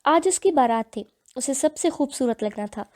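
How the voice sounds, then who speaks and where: Woman audiobook narrator, earnest storyteller, warm low-brightness tone. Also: lively intonation. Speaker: novel narrator.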